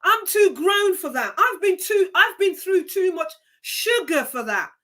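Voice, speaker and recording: A woman's voice: very high-pitched, very animated, measured pace, bright, forceful tone. A woman with a Jamaican accent hosting a live stream, giving an emphatic, preachy motivational talk and repeating key words.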